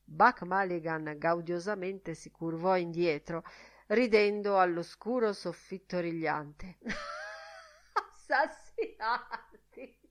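A woman narrating a literary novel as an audiobook, reading in a measured, deliberate way. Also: fairly low pitch.

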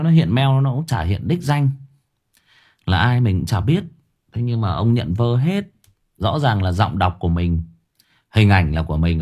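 Husky low-voiced male livestream host. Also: darkish tone, lo-fi sound. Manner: chatty and rambling, talks straight to the audience. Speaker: livestream host of an audio story channel. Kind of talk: casual livestream chat to viewers.

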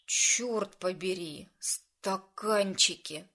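A woman's voice: mid-range voice, normal speed, a bit bright, natural voice. A woman voicing a flustered young man who speaks in a grumbling, defensive way in a storybook reading. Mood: groaning.

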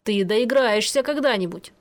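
A woman voicing a gruff, burly older male forest robber who grumbles and scolds slowly in an audiobook. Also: fairly high pitch, natural voice. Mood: scolding. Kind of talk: audiobook character reading.

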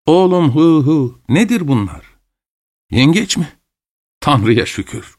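A man voicing a talkative, grumbling old grandfather with a trembling voice, speaking slowly and plaintively in an audiobook. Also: fairly high pitch, very animated, dry recording, studio quality, voice pushed up, heavily acted. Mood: delighted. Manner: slow, rambling and plaintive.

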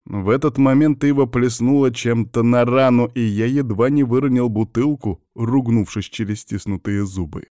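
A man narrating a first-person audiobook in an even, gruff storytelling voice. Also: medium pitch, moderate pace, few pauses, no echo, studio quality.

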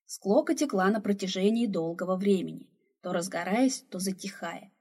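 A woman narrating a fantasy story in a steady, expressive reading voice. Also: mid-range voice, normal speed, breathy edge. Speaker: audiobook narrator.

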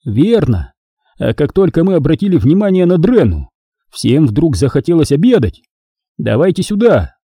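A man reading the part of a calm, wise older male Jedi master in an audiobook, speaking in a measured, unhurried way. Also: a little high, slightly rough, no echo, voice pushed up, full character voice.

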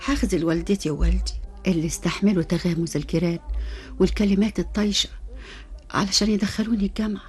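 An actress with an Egyptian accent playing a resolute, self-sacrificing young student in love, breathy, in a radio melodrama. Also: female voice, lowish voice, fairly even intonation, fast, lightly acted. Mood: firm, pained.

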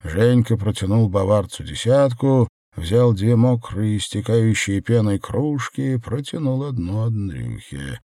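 A man narrating an audiobook in an expressive, read style. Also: fairly low pitch, measured pace, hardly any pauses, no echo, clean studio sound. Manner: expressive reading. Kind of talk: scripted narration.

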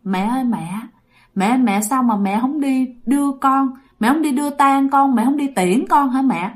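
A woman's voice: high-pitched, moderate pace, close to an everyday voice. A woman voicing the ghost of a young man pleading with his mother.

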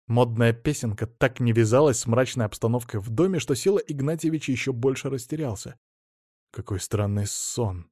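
A man narrating a story in a measured, steady reading voice. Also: mid-range voice, no room sound, studio quality. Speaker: audiobook narrator. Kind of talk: scripted narration.

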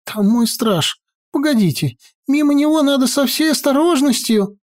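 A woman voicing a jittery, cowardly male sorcerer who pleads and frets in a high, whining patter. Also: lively intonation, normal speed, a little mellow. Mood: fearful pleading.

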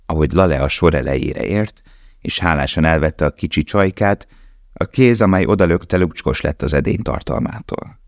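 A man reading an audiobook in a steady, measured narration. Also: very deep voice, no room sound, clean studio sound. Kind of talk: scripted narration.

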